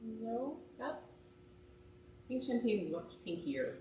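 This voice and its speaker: A woman behind the camera chiming in with quick teasing remarks from off-mic. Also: a little high, big pitch swings, dark tone, breathy edge. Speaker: off-camera crew member. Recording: distant off-mic voice, faint noise.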